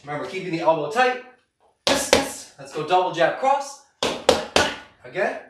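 A man's voice: a little high, sing-song, unhurried. A middle-aged man coaching a live boxing workout with short, punchy, encouraging cues while hitting a punching bag. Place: garage gym, indoors, camera several metres away. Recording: echoey noisy garage, far from mic.

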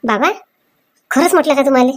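High-pitched woman scolding in a comedy sketch. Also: quick pace, slight background noise. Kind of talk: comic sketch acting.

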